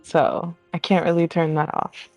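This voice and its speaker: A woman's voice: on the low side, flat delivery, moderate pace, darkish tone, no echo, faint music behind. A woman playing a tabletop game over voice chat, talking casually with lots of "like" and giggles. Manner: giggly, talks with filler "like". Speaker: player.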